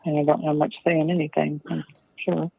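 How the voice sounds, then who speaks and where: Woman on prison phone call, gravelly voice, gentle and soothing, tinny line, faint hiss. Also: low voice, flat delivery, fairly quick. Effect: heard over a prison phone line.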